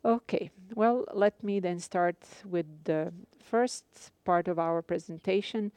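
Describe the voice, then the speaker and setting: Speaking to her students in a live radio lecture, a woman with a Croatian accent stays careful and measured, often pausing on fillers. The studio sound is close and dry, carrying her smooth, mellow, low voice.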